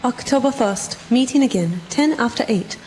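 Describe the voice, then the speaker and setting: A woman's voice: a little high, lively intonation, normal speed, darkish tone, lightly acted. A woman playing a sober young wife who narrates her written record in a radio drama. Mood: sober, resolute. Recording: long reverb, faintly noisy radio recording.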